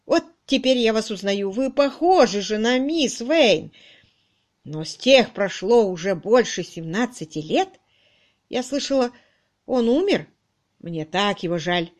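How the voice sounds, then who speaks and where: A woman voicing a loud, bossy middle-aged charwoman in an audiobook, brusque and exclaiming. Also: fairly high pitch, lively intonation, a little slow. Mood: gushing. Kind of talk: audiobook reading.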